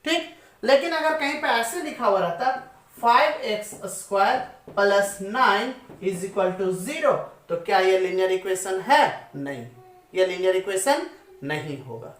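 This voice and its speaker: Animated woman teaching maths in an echoey room. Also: medium pitch, moderate pace. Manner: asks the class questions and answers them herself. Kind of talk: classroom-style maths lesson. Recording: echoey room, voice away from the mic.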